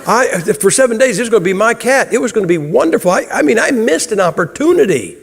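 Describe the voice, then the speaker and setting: In a church sanctuary, a man preaches a blunt, emphatic sermon, chuckling his way through humorous anecdotes. His high-pitched voice is animated, fast, and carries vocal fry, with long hall reverb on the recording.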